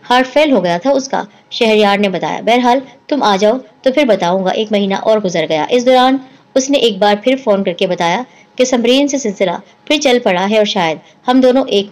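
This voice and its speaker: A woman narrating a first-person story in a steady, earnest storytelling manner. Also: medium pitch.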